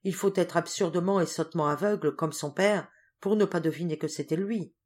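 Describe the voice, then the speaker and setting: A woman's voice: fairly low pitch, fairly quick, a little mellow, natural voice. A woman reading the part of an earnest, devoted young man in an audiobook, with fervent, emphatic declarations.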